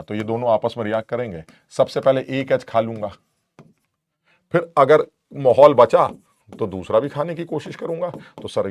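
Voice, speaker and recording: A man's voice: on the low side, a little mellow, no echo. A man giving an online chemistry lecture in a playful way. He keeps asking the class questions and acts out little back-and-forths between teacher and student. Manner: switches between teacher and student voices in dialogue.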